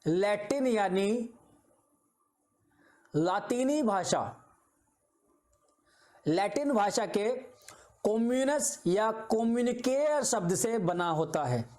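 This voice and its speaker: A man's voice: high-pitched, lively intonation, extremely slow, pauses often, a little mellow. A man teaching an exam-prep video lecture. He explains patiently with simple examples, repeats his points and keeps checking in with his students.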